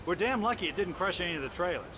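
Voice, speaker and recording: An actor playing a folksy, grumbling trailer park manager in a video game, plain-spoken with an American accent. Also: male voice, sits high, expressive, very fast, noisy background. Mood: plain, hurried. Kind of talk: video game character dialogue.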